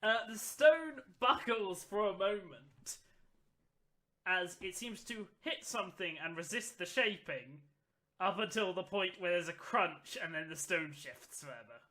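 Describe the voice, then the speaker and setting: A man's voice: sits high, expressive, unhurried, pushed and bright. A man running a tabletop game as game master, narrating with playful jokes.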